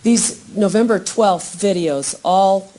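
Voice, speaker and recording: A woman prosecutor cross-examining a witness in measured, formal questions, heard on a courtroom recording. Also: medium pitch, warm tone, slight background noise, low-quality recording. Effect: courtroom audio recording.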